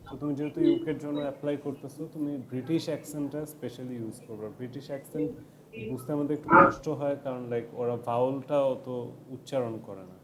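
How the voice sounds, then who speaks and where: A man's voice: mid-range voice, fairly even intonation, quick pace, heavy background noise. A man giving a casual IELTS tutoring lecture, mixing English tips into loose, chatty explanations with many fillers.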